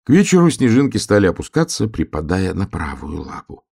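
A man reading a children's story aloud in a very deep, gravelly voice. His delivery is expressive and lively, rising and falling as he moves between the animals. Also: a little fast. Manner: expressive, acting out each animal.

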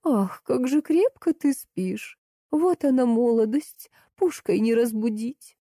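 A woman voicing a frail elderly woman who speaks slowly in a sweet, coaxing tone, in an audiobook. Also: fairly high pitch, animated, dark tone, no room sound, studio quality, voice pushed up. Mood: sugary coaxing.

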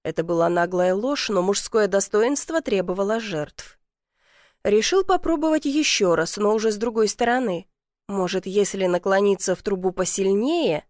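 A woman's voice: medium pitch, animated, normal speed, darkish tone, dry recording, clean studio sound. A woman reading a first-person audiobook story in a wry storytelling manner. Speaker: narrator. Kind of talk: audiobook narration.

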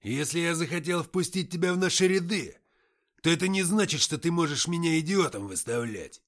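A crude young bandit with a short fuse, put on by a man reading an audiobook. He bellows every line, his voice jumping high and swinging widely in pitch. An indignant, brawling manner in a storybook reading. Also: animated, brisk. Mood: angry yelling. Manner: yelling, indignant. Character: hot-tempered young male bandit, loud and crude.

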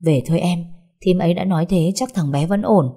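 A woman voicing a caring neighbor who gently soothes a worried friend in a story. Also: lowish voice, brisk, husky. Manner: soothing and protective.

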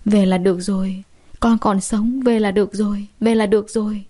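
A woman narrator voicing a gentle older father whose voice is choked with emotion. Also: on the high side, normal speed. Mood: choked relief. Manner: choked, soft-spoken.

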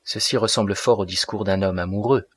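A man's voice: on the low side, steady tone, brisk, husky, no room sound. A man reading the part of a kindly old pastor in an audiobook, speaking in a mild, questioning manner. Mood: puzzled. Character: kindly old male village pastor, pipe smoker.

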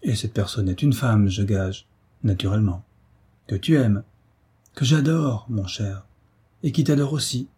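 A man's voice: medium pitch, moderate pace, dark tone, breathy edge. A man voicing a rich, spirited young nobleman, ironic and full of exclamations, in a read-aloud historical novel. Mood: ironic, lively.

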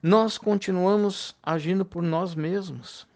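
Guy preaching a sermon, kinda high voice, gravelly, pleading and heartfelt. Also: slow pace, a little mellow. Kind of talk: recorded sermon to fellow believers.

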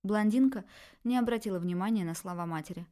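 A woman narrating a novel as an audiobook with an expressive, dramatic reading. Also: mid-range voice, fast talker. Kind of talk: scripted narration.

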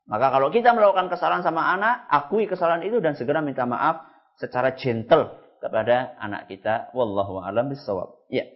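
A man's voice: mid-range voice, animated, a little fast. A man, an Islamic preacher, giving earnest advice in a religious question-and-answer lecture and repeating his key points. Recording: dull lo-fi broadcast sound.

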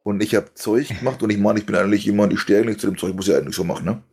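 A man's voice: lowish voice, steady tone, rapid-fire, a little mellow, husky. A young man telling rambling, laughing anecdotes in a casual stream chat. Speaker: stream host telling a story.

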